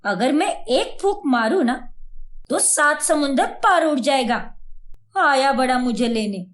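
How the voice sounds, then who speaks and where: Woman playing a loud-mouthed fiery young wife, high voice, slow scolding, cartoon. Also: expressive. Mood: brash. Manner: brash, scolding. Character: bold, fiery young wife, quick to fight.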